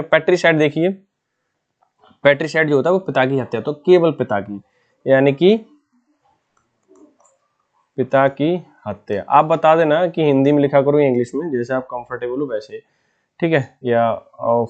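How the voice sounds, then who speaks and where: Speaking casual Hindi, a man runs an exam-prep vocabulary lesson with an easygoing style, explaining each word patiently and checking in with students time and again. His pitch is medium, and the recording is muffled.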